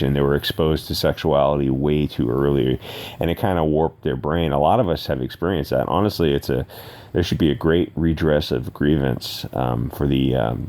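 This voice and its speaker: A man's voice: extremely low pitch, fairly even intonation, normal speed, gravelly, darkish tone. A man hosting his own channel, talking in a rambling, sarcastic commentary with frequent hesitations. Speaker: channel host. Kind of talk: casual solo commentary.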